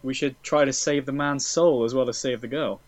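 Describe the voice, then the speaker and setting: A man playing a tabletop game, joking quickly with the group. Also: mid-range voice, fairly even intonation, no room sound. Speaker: player. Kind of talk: casual tabletop play.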